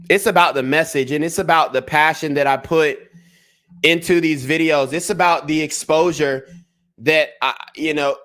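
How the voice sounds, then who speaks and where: A man's voice: on the high side, a bit bright. A young man giving a heated commentary rant on a livestream, repeating himself and restarting as he gets worked up. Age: young adult. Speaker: YouTube commentator.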